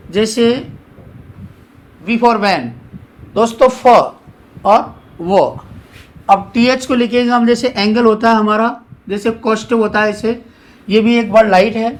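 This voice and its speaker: Male shorthand tutor, high voice, unhurried, drills by repeating each point. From India. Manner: repetitive, asks and answers his own questions. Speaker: shorthand teacher. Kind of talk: classroom lesson, explaining at a board.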